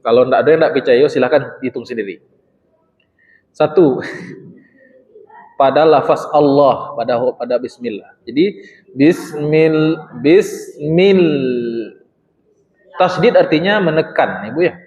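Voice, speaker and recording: A religious teacher leads a study-circle lesson on Quran recitation in a mosque hall, his voice mid-range and a little mellow. He slowly draws out recited phrases as demonstrations and quizzes the congregation. The recording is echoey and dull, as in a mosque hall.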